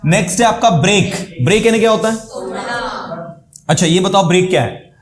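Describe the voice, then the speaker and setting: A fairly high-voiced Indian male teacher runs a classroom grammar lesson. He fires short questions at his students and repeats the answers. His English example sentences come out slow and deliberate. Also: animated, crowd noise. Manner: quizzing students with quick questions.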